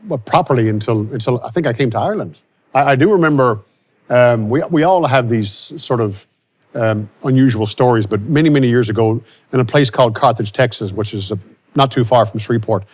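With lively intonation, a fairly quick pace, and a medium, slightly mellow voice, a country singer from Louisiana in his forties answers interview questions. The studio behind him has a starry backdrop, a lapel mic picks him up, and he often restarts while reflecting.

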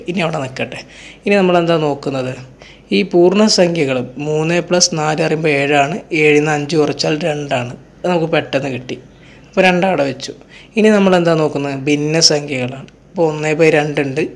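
Male math tutor, somewhat high voice, patient question-and-answer delivery. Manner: asks questions and answers them himself. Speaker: exam coaching teacher. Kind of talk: math lesson walkthrough.

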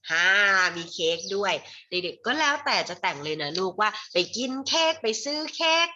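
A woman with a Thai accent teaching English to children in an online lesson, moving between Thai and slow, carefully spelled English and calling the viewers "child". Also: fairly low pitch, sing-song, pushed and bright, highs cut off.

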